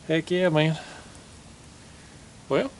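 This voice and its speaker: A young man from the American South, a fishing vlogger, talks casually to viewers from a riverbank at night, folksy in manner, saying "y'all" and chuckling frequently. His voice is on the high side. An action camera on the bank records him, with slight background noise.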